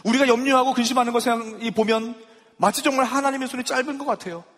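A man's voice: very high voice, fairly even intonation, quick pace, a bit bright, long reverb tail. A male pastor preaching a sermon, driving his points home with emphatic rhetorical questions to the congregation. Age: young adult or middle-aged father.

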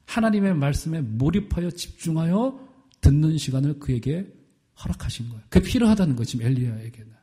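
Preaching to his congregation, a middle-aged man in the role of pastor speaks in a voice that sits high. He keeps asking them questions, his volume rising and falling between loud and soft.

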